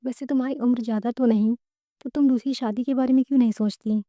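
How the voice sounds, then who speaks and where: A woman voicing a caring female friend who gently pries in a storybook reading. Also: on the high side, fairly even intonation, fast talker, no room sound, clean studio sound, close to an everyday voice. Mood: concerned. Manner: gently prying.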